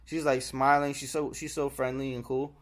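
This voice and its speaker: Man, young adult, casual vlog storytelling, rambling, animated, swears, middle pitch, handheld camera. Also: moderate pace. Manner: rambling, animated retelling with acted quotes and swearing. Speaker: travel vlogger. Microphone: small handheld camera.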